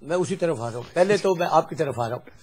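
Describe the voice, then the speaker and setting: A man, a politician on a talk show, speaking hesitantly with many drawn-out fillers. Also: on the high side, animated. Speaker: politician guest. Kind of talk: political debate.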